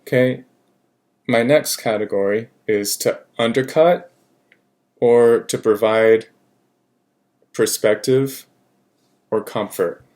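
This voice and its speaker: A man's voice: mid-range voice, slow, pauses often, a little mellow. A man teaching French grammar in a recorded lesson. He speaks in English and says each French example twice, with many fillers along the way.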